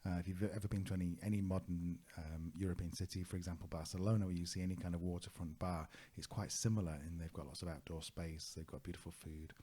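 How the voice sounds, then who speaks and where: A man's voice: low-pitched, fairly even intonation, quick pace, hardly any pauses, dark tone, husky. A man co-hosting a travel podcast, chatting casually and rambling through anecdotes with lots of fillers. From United Kingdom.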